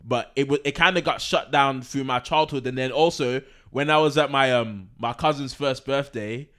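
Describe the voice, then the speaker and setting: A young man with a London roadman accent, chatting casually in animated, repetitive, slangy storytelling. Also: mid-range voice, moderate pace. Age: young adult. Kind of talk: casual chat.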